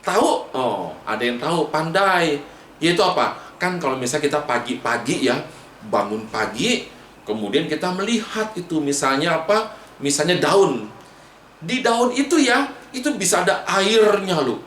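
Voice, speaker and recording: A man with an Indonesian accent teaches a children's Sunday school lesson as a pastor. His storytelling is lively, and he keeps asking the children questions. The echoey room carries faint background noise. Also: a little high, normal speed, far from the mic.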